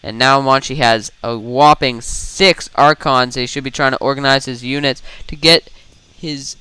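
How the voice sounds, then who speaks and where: Bright, crisp-voiced young man casting a game. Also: medium pitch, steady tone, dry recording. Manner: fast, rambling, self-mocking asides. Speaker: esports caster. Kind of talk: solo play-by-play game commentary.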